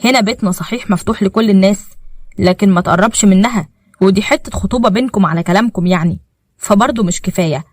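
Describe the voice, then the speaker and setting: A woman with an Egyptian accent voicing a steady brother who gives firm, admonishing advice. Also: medium pitch, fast talker, no room sound, natural voice.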